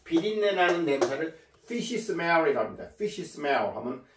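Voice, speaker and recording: A man teaching a lecture, often repeating words slowly to drill their pronunciation. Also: fairly high pitch, sing-song, roomy sound, far from the mic, background noise. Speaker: English teacher.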